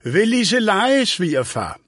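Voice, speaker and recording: A distressed daughter-in-law calling out slowly, her voice pitched high, as a male reader puts her on. She sounds urgent and strained in an audiobook. The recording is dry. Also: very animated, no room sound, exaggerated voice. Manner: slow, shouting to be heard.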